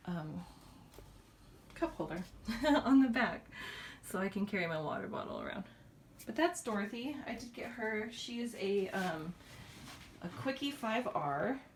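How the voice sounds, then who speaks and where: A woman's voice: mid-range voice, lively intonation, a little slow, long pauses, a little hiss or hum. A woman in her thirties from the United States, chatting casually in a home vlog with frequent ums and laughs, a little winded. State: a little out of breath. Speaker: vlogger. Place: home room.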